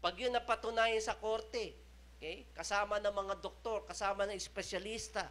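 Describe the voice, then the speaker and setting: A man's voice: sits high, fairly even intonation, a bit bright. A man with a Filipino accent preaching a sermon, mixing Tagalog and English and often checking in with "okay?". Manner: slow, emphatic preaching with rising and falling intensity. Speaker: pastor.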